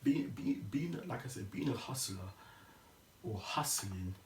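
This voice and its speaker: A man's voice: medium pitch, animated, unhurried, darkish tone. A man hosting a casual motivational podcast, earnest and encouraging, often restarting his sentences. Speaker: podcast host. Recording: echoey room, distant mic, noisy.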